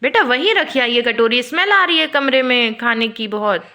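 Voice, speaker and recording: A woman filming a family vlog at home, gently telling her small child what to do. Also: on the high side, lively intonation, moderate pace. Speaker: family vlogger and mother. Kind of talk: casual home vlog talk. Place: home indoors.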